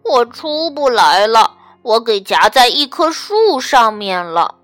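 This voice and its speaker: A mischievous male elephant from a storybook, stuck and pleading but still cheeky, read aloud by a woman. The voice is high and slow-moving, with faint music playing underneath. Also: sing-song, fairly bright tone, dry recording, full character voice. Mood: complaining. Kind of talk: storybook reading.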